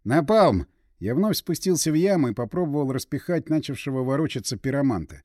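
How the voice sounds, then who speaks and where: A man narrating a first-person audiobook in a brisk, expressive reading style. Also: medium pitch, dry recording, clean studio sound.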